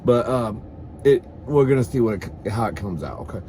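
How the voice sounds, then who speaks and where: A warm, expressive, medium-pitched male voice moves at a moderate pace, with a little hiss or hum in the recording. As he eats for his comedy mukbang vlog, he chats casually to the camera, campy and sassy with his "girl" and "honey," and bawdy, swearing freely.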